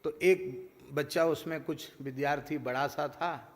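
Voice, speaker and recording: A man's voice: on the high side, steady tone, unhurried, long reverb tail. A man giving a devotional discourse, telling stories and mimicking village characters in their voices. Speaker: spiritual teacher.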